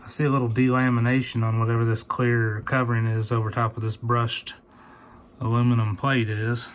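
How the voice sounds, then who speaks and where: A man with a mid-range voice and flat delivery talks a little fast as he demonstrates a gadget in an unscripted, casual, technical way for a hobbyist video. Radio chatter and hiss run in the background, captured by a phone camera mic.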